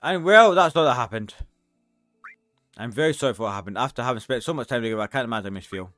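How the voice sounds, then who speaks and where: A man with a Scottish accent playing through a game, reading every character's lines aloud and shifting his pitch between the parts, close to the mic. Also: rapid-fire, a bit bright, faint music behind. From Scotland. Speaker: let's-play streamer.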